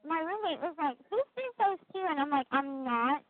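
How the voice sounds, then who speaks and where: A woman calling on a prison phone line, chatting casually and softly with a friend. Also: sits high, expressive, moderate pace. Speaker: caller.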